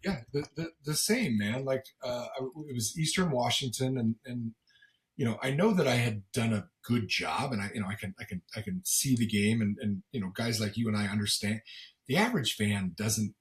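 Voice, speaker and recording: A middle-aged man with a gravelly smoker's rasp chats casually as a sports interview guest, often repeating words as he goes in a folksy, self-deprecating way. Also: mid-range voice, moderate pace. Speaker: football commentator and former coach, as guest.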